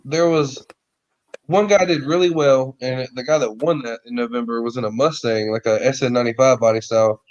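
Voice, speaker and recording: A man's voice: medium pitch, steady tone, fairly quick, dull audio. A man telling a story in casual podcast chat, rambling with lots of "like" and "you know", heard over a remote call.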